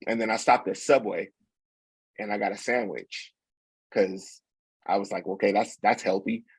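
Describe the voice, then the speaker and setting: A young man, a podcast guest, telling a story in a relaxed, rambling way with plenty of fillers and restarts. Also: on the low side, normal speed, husky, no echo, poor audio. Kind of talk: casual storytelling.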